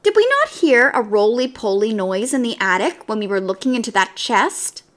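A woman voicing a brisk neighbour cat who speaks firmly and matter-of-factly. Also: on the high side, animated, close to an everyday voice. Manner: firm, matter-of-fact.

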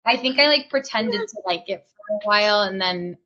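A woman's voice: medium pitch, animated, moderate pace, sharp tone. A woman comedian on a panel, giggly and full of fillers. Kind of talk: casual panel chat. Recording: dull lo-fi audio.

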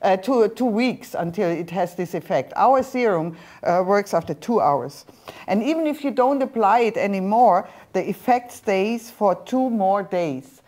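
A middle-aged woman with a German accent, a skincare doctor presenting a serum on a TV shopping channel, explaining in slightly halting non-native phrasing. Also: medium pitch, expressive, darkish tone. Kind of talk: TV shopping product demonstration. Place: TV studio set. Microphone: lapel mic.

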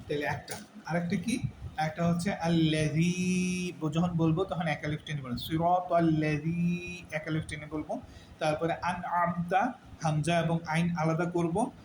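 A man teaching a Quran pronunciation lesson, slowly repeating syllables and quizzing the listener on each rule. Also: on the high side, reverberant, noisy background. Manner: slow, repeats syllables and asks questions to drill pronunciation. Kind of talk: tajweed lesson.

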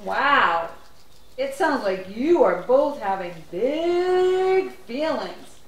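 A calm, patient puppet guide who explains things step by step, voiced by a performer. The delivery is slow, with a high voice that rises and falls. It is recorded in an echoey room at some distance from the mic. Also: exaggerated voice. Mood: explaining. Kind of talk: children's puppet show.

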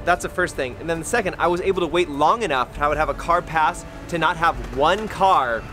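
A man in his thirties chats casually through a photography vlog in a slightly higher voice than most men. He talks in a relaxed, rambling way with offhand asides. Loud music plays behind him the whole time. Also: a little fast. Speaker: photographer vlogger. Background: loud background music.

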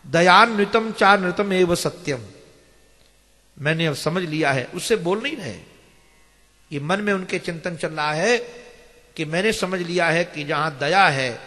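Man in a swami's sermon role, slightly high voice, chants verses between teacherly explanation, recorded in a reverberant hall. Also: bright, forceful tone. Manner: addresses listeners directly, teacherly. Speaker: swami giving scripture discourse. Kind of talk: devotional sermon with storytelling.

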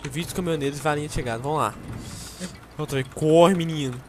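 A man chatting excitedly while gaming, often shouting in alarm. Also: a little high, quick pace, slight background noise. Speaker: gamer. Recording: game music behind.

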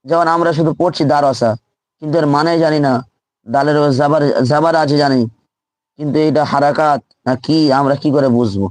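Guy teaching quran reading on a live stream, kinda high voice, dry close mic, says every sound over and over. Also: fairly even intonation, dry recording. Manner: drills letters aloud, repeating each syllable slowly. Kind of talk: live online lesson.

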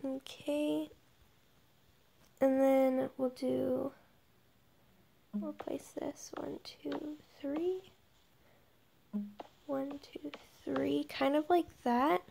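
This young woman gamer has a high, creaky, dark-toned voice that stays steady as she speaks very slowly with frequent pauses. Building in a game for her video, she thinks aloud and murmurs counts under her breath, over a noisy home recording full of clicks.

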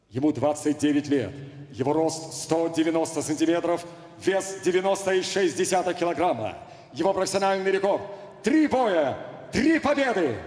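Grand high-pitched male ring announcer, booming reverb. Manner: grand, theatrical, building to shouts. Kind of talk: formal fight announcing, drawn-out shouts. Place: cage in a large indoor arena. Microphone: handheld microphone. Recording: echoey arena PA with long reverb.

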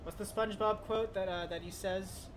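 A man's voice: high voice, moderate pace. A man playing a shooter game with a friend, chatting casually, swearing and laughing, muttering to himself while looting. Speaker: game streamer. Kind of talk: casual gaming chat. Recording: steady background noise.

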